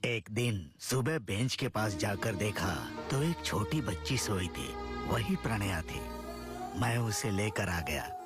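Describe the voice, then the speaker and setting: Low-voiced man telling calmly. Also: takes it slowly. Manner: calm storytelling. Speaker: father figure narrating the past. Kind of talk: dubbed film dialogue. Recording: film soundtrack with music behind.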